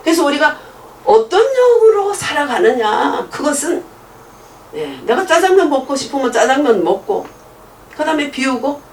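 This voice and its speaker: Middle-aged lady preacher, high lively voice, acts out the dialogue, kinda distant in a big echoey room. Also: slight background noise. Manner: animated, acts out dialogue in different voices, laughs often. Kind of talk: sermon with storytelling.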